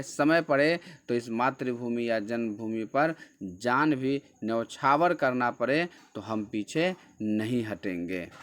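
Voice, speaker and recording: A man slowly works through a textbook chapter in a classroom-style explanation, his mid-range voice slightly bright. He explains patiently, repeats key words, and poses questions he goes on to answer himself.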